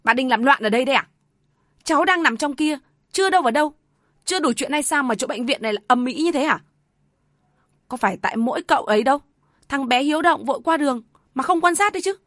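A woman's voice: mid-range voice, fairly even intonation, measured pace, vocal fry, pauses often, no echo, studio quality. A woman reading aloud voices a stern grandfather who scolds brusquely and then reassures his wife. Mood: gruff scolding. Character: stern older grandfather, gruff but caring.

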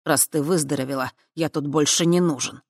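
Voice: mid-range voice, steady tone, brisk, dry recording, clean studio sound, close to an everyday voice. An audiobook reader voicing a proud, resentful young man with a clipped, cold delivery. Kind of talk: audiobook character voice.

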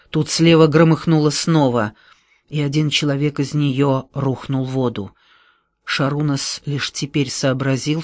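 A man narrating an audiobook in a steady, measured storytelling manner on a close studio mic. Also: mid-range voice, no room sound.

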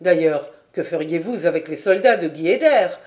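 A woman voicing an insolent, boastful male sergeant who taunts and mocks loudly. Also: on the low side, animated, normal speed, lightly acted. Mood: mocking. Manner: loud, scornful and taunting.

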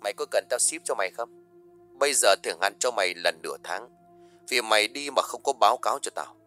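A man voicing a brutal male loan shark gangster who makes fast, low, growled threats. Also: level tone, sharp tone, smooth, soft background music. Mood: menacing.

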